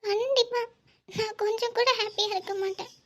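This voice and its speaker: A woman voicing a very high, heartbroken cartoon girl. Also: steady tone, moderate pace. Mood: pleading, sad. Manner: emotional, pleading. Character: heartbroken young woman in love, sensitive and proud. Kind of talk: cartoon voice acting.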